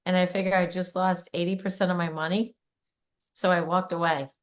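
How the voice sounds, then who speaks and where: Chatty lower-voiced woman hosting a podcast. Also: a little fast. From Maryland. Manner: chatty, animated storyteller who breaks into laughter. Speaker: podcast host, realtor. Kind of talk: casual conversational interview.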